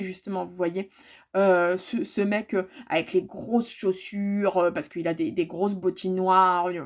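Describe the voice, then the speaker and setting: A woman chatting casually to her viewers about her cross-stitch projects, full of fillers and repeated words. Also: mid-range voice.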